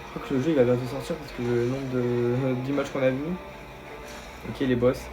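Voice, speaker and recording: Young guy gushing over game trailers to his viewers, gets loud and excited, faint music behind. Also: mid-range voice, moderate pace. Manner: excitable, bursts into shouts of delight; talks straight to viewers as "les gars". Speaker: youtuber reacting to a game showcase. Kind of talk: live reaction commentary.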